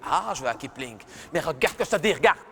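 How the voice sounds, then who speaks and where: A man's voice: a little high, sing-song, quick pace, gravelly, fairly bright tone, slight background noise, full character voice. A man voicing a nagging middle-aged mother who scolds her daughter in a live stand-up sketch, fussing and repeating herself. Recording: reverberant live arena recording.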